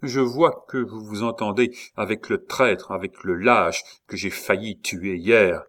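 A man's voice: lowish voice, steady tone, measured pace, a bit bright. A man playing a seething, jealous count. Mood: threatening. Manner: blunt, seething, threatening. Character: furious jealous older count, hot-tempered.

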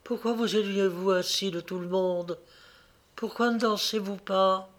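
A shy young village girl speaks in a soft, trembling voice, as a man reading the story puts her on. She sits high and quiet, timid and kind. The reading moves slowly. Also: expressive. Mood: timid, pleading.

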